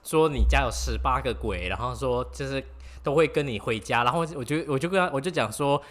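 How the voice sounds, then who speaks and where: A man's voice: mid-range voice, expressive, brisk, a bit bright. A man co-hosting a podcast, throwing in joking, teasing asides. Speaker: podcast co-host. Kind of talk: casual chat.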